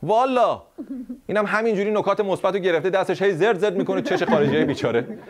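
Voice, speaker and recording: A man hosting a satirical comedy show, delivering a mocking, sarcastic monologue. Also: sits high.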